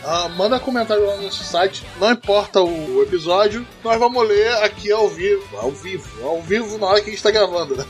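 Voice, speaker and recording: A Brazilian man with a raspy smoker's voice hosting a podcast in casual, slangy, teasing banter with some swearing. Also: sits high, normal speed, faint music behind. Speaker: podcast host.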